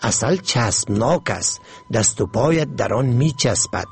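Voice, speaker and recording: Man playing a calm wise winged ant. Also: mid-range voice, vocal fry. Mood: warning.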